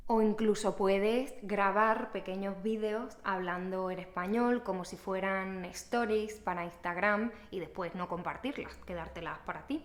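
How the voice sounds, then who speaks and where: A young woman teaching a language, talking casually to camera and explaining each point clearly and patiently to the viewer. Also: medium pitch. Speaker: Spanish teacher.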